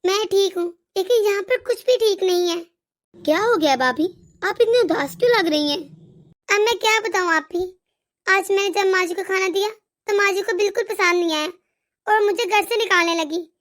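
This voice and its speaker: A woman voicing a young daughter-in-law in an animated moral story, complaining and pleading. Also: extremely high pitch, normal speed. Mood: upset. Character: young wife, hurt and fed up.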